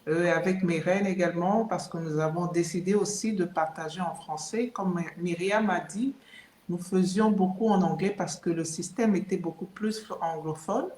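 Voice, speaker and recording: A woman's voice: fairly low pitch, normal speed, warm tone. A woman from the Democratic Republic of the Congo introducing herself on a live stream, hesitant and friendly. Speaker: panel guest. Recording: echoey room, faint noise.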